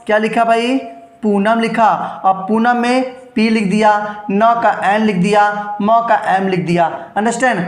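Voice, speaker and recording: A male teacher giving an English grammar lesson in Hindi, who asks himself questions, keeps repeating "understand", and stretches words slowly to show their sounds. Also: high voice. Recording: roomy, echoey room.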